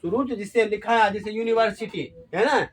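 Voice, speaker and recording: A male teacher with a high voice leads a classroom grammar lesson. He keeps asking the class questions and repeats each key word back to them. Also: fairly quick. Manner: call-and-response questioning, repeats key words.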